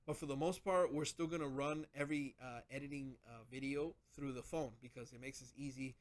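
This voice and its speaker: A man's voice: medium pitch, steady tone, a little fast. A man hosting a casual gadget vlog, rambling with lots of restarts as he explains his setup. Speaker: channel host.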